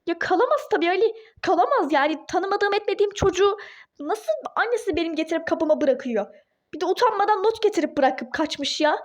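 Woman voicing Duru, a very high outraged wife. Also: lively intonation, brisk. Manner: exclaiming, indignant outbursts. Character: young wife, furious and indignant. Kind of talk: toy-game role-play drama.

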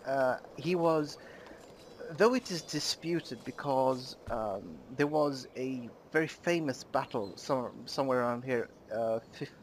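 A man hosting a let's play, giving casual, halting commentary on a strategy game with many pauses. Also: medium pitch, a little hiss or hum. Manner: halting, many ums and uhs.

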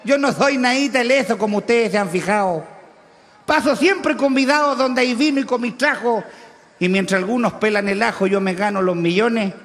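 Brief: a loud, crude country huaso from Chile, high-pitched and bright, on a reverberant live stage. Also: male voice, normal speed. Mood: boastful. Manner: brash, crude slang, shouty punchlines. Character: crude rowdy rural Chilean huaso man running for mayor. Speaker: comedian in character. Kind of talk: stand-up character monologue.

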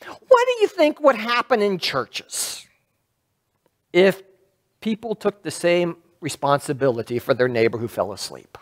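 Middle-aged pastor preaching at church, voice swoops up and down a lot, chatty, keeps asking the room questions. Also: male voice, high voice, big pitch swings, a little slow. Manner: conversational, asks the congregation questions. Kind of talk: sermon. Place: church sanctuary, at a lectern.

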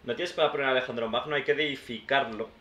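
A man's voice: mid-range voice, fast talker, sharp tone. A man from giving casual let's-play commentary, thinking aloud and talking to his viewers like friends. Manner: chatty, thinks aloud, addresses viewers as "tío" and "hermanos". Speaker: gaming YouTuber. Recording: roomy sound with faint background noise.

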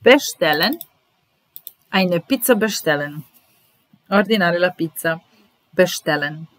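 A woman with a lowish, expressive voice teaches German vocabulary to Italian speakers. She says each word slowly, repeats it, and adds translations and example sentences; the recording has no room sound.

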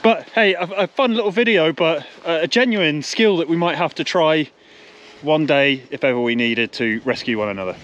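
A man's voice: a little high, moderate pace, fairly bright tone, muffled recording, a little hiss or hum. A man, chatting casually to camera in a blokey, colloquial way as a vlog host. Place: garage, fast-food restaurant and outdoor trail. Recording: music behind the voice.

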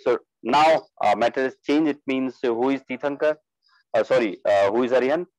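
Man teaching a halting study class. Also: medium pitch, a little mellow, no room sound, low-quality recording. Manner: halting, many fillers, asks the group questions. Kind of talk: religious study class talk.

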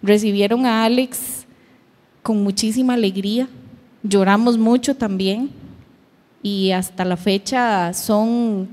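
A woman's voice: mid-range voice, a little mellow. A woman, giving a heartfelt personal testimony at a church youth meeting and acting out her daughters' words. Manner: emotional storytelling, acting out her daughters' voices. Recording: long hall reverb.

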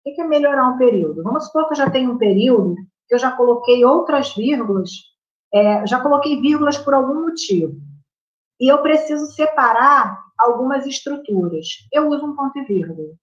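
A woman with a Brazilian Portuguese accent leads a live lesson, chatting and checking in with her students. Her voice sits a little high. The sound is roomy and a bit dull. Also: lively intonation, brisk. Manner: chatty, checks in with the class by constantly asking "right?". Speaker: teacher. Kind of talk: live online grammar class. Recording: roomy, slightly muffled room sound.

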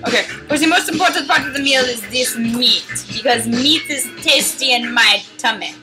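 This young woman's voice is high and moderately paced, and the audio quality is poor. Playfully hosting a pretend cooking show in a home kitchen, the vlogger gives silly directions in a mock-formal manner over loud rap music.

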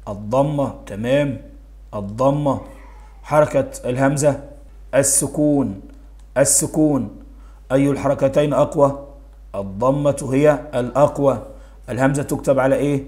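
A man's voice: mid-range voice, darkish tone. Egyptian male teacher quizzing himself aloud. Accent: Egyptian Arabic. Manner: asks rhetorical questions and answers them himself; repeats key words for emphasis. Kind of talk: primary school grammar lesson.

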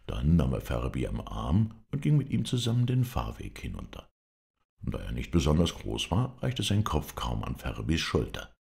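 Deep-voiced male audiobook reader, gravelly, expressive narration. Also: moderate pace. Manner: expressive storytelling. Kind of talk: scripted narration.

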